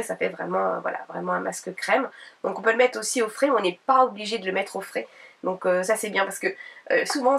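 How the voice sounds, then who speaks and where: Chatty woman, slightly husky, from camera distance. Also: mid-range voice, a bit bright. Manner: chatty, many fillers and restarts. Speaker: beauty vlogger. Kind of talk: casual haul video, showing products. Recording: distant home camera recording.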